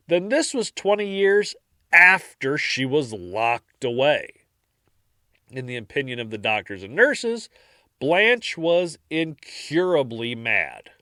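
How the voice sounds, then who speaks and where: A man co-hosting a podcast, reading out a dark history story in a casual, jokey way. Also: mid-range voice, dry recording, clean studio sound. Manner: jokey, breaks into silly voices and laughs. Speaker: podcast co-host narrating history.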